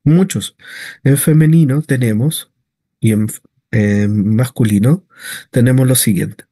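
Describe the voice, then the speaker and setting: A man teaching Hebrew grammar, slowly repeating each word form several times. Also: mid-range voice, mellow, no echo. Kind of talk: grammar lesson.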